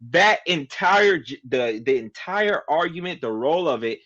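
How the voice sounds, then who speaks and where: A man's voice: on the high side, animated, normal speed, fairly bright tone, highs cut off. A man co-hosting a podcast, arguing his point at length in a casual debate. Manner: argumentative, emphatic, makes a point at length. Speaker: podcast co-host.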